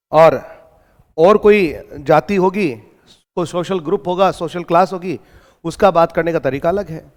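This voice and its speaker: High-voiced Indian man teaching in a reverberant room. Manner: explanatory, asks and answers his own questions. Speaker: exam-prep English teacher. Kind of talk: lecture in Hindi mixed with English terms.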